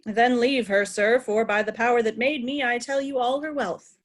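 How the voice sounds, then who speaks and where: A woman's voice: fairly high pitch, fairly even intonation, normal speed, close to an everyday voice. A woman playing a proud, wrathful old king in formal, commanding Shakespearean stage verse. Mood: cold, formal. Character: old king Lear, proud, wrathful, imperious male monarch. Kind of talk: Shakespeare reader's theatre acting.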